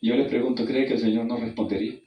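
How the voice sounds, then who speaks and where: A man's voice: fairly even intonation, fast talker, dull audio. Man preaching a sermon in a roomy space. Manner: addresses listeners directly as brother, asks them questions; swings from hushed and low to loud and high when reading scripture. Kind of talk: evangelistic sermon with personal story. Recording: roomy, distant mic.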